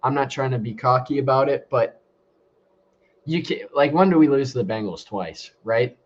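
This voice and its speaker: A man's voice: mid-range voice, moderate pace. Man sounding inside a fishbowl. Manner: laid-back, many fillers and restarts. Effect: muffled, hollow sound, like talking inside a fishbowl. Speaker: podcast co-host. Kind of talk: casual sports podcast chat. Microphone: computer mic after headset died. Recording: muffled lo-fi call audio.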